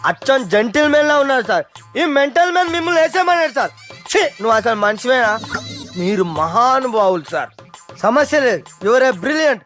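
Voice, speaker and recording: An actor playing an excitable henchman who eggs on the gang in broken English. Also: very high voice, a little fast, faint music behind.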